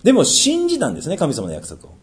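A man preaching a sermon as pastor. He asks rhetorical questions and swings from loud emphasis to near-whispers. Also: sits high, wildly swooping pitch, quick pace.

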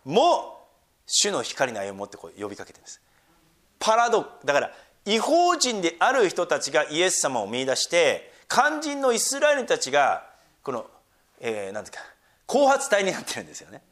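A middle-aged man preaching with a lively, wide-ranging voice that sits a little high for a man. He swings from hushed, almost whispered asides to loud emphatic points. He reads scripture in a slow, drawn-out cadence. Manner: animated, swings from soft near-whispers to loud emphatic lines. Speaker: pastor. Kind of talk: sermon.

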